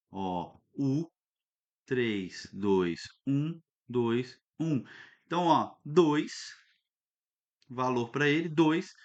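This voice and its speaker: A man teaching a recorded lesson, lively and instructive, often stopping to check that students follow. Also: fairly high pitch, lo-fi sound. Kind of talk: recorded online lesson at a whiteboard.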